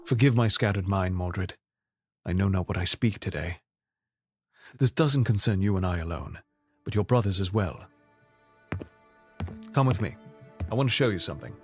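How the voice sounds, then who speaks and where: An actor in an audio drama playing King Arthur as a troubled, regal and earnest ruler who speaks in formal, measured courtly phrasing. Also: low-pitched, lively intonation, soft background music. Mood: composed.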